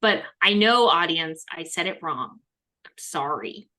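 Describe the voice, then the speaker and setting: A woman's voice: fairly low pitch, expressive, measured pace, sharp tone, low-quality recording. A woman co-hosting a casual chat, asking questions and teasing her co-host in a playful way.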